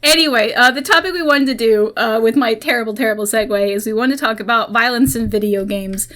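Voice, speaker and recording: A young woman chatting as co-host of a casual podcast. Her voice sits a little high. She talks loosely and giggles often, pokes fun at herself, and leans on filler words. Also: a little fast, a bit bright. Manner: giggly, self-deprecating, lots of fillers.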